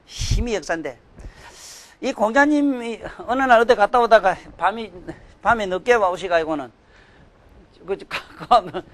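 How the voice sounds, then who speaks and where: An older man giving a sermon, scolding and emphatic, swinging from loud outbursts to low mutters. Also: expressive, normal speed. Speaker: Buddhist dharma teacher.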